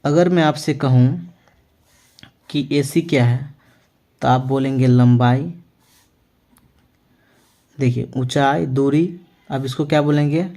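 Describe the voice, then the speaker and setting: A male maths teacher explaining a lesson to students, asking them questions and answering them himself, often checking in with "okay" as he writes out words slowly. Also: mid-range voice, steady tone, warm tone. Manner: ends phrases with a reassuring check-in. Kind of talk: classroom-style lesson.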